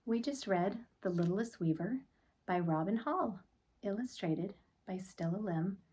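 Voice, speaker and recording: A woman with a medium-pitched voice reads a children's picture book aloud, telling the story in an expressive, deliberate way. Her phrases often trail off softly, and the mic sits at a distance.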